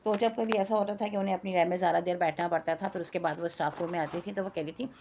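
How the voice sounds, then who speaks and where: A woman with a Pakistani accent, teaching an English textbook lesson. She explains in Urdu with chatty asides and reads the English passages slowly and deliberately. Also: fairly low pitch, steady tone, a little mellow, a little hiss or hum. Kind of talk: recorded lecture explaining a textbook.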